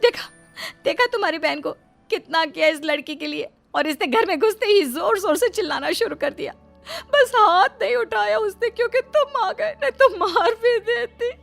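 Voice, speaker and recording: A loud, scheming young daughter-in-law, voiced by a woman in a home-made family drama story. Her voice climbs very high and shrill as she mocks and complains. Faint music plays underneath. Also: expressive, fairly quick, vocal fry. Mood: shrill complaining. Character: scheming young wife, loud and fake-sweet.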